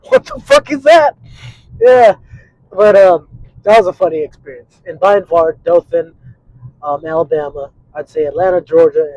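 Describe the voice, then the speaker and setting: A man's voice: fairly high pitch, a little mellow, no room sound, muffled recording. A man vlogging in a casual, rambling monologue, swearing often and trailing into fillers. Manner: profane and rambling, with frequent fillers.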